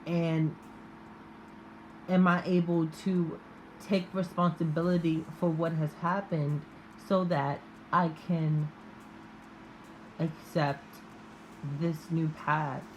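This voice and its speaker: A woman giving an improvised, intimate tarot reading in a halting, musing manner with drawn-out pauses. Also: sits low, flat delivery, a little hiss or hum, rough recording. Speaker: tarot reader.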